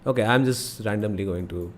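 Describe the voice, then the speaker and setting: Young indian accent guy chatting on a game stream, thinks out loud, exclaims a lot, bit of background noise. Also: lowish voice, fairly quick. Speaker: live streamer playing a geography guessing game. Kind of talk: casual live stream commentary.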